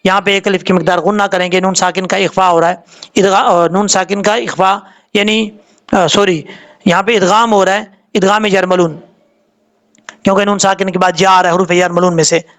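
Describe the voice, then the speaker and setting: A man teaching a tajweed lesson in Urdu with a Pakistani accent, spelling words out sound by sound and chanting the verses in long drawn-out notes. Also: high voice, steady tone, a bit bright. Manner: slow letter-by-letter drilling, drawn-out chanted recitation.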